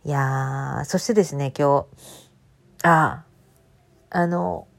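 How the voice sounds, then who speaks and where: A woman's voice: slow, gravelly. A woman in her forties with a Kansai accent, talking casually and playfully as host of her own radio show. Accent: Kansai Japanese. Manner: chatty and playful, with sudden lively jumps in pitch. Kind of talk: casual solo radio talk.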